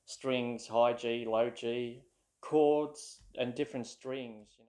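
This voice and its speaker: A man's voice: medium pitch, steady tone, slow pace, warm tone. An Australian man telling a casual, rambling story to camera, with plenty of ums and uhs. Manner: rambling, with many fillers. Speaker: ukulele vlogger.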